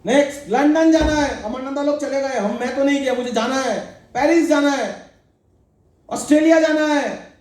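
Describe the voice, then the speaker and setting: A man's voice: very high-pitched, normal speed, darkish tone, recorded from a distance. A middle-aged man giving a preachy motivational talk to a team, often quizzing the crowd and cracking jokes. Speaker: motivational speaker addressing a sales team. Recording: very echoey hall.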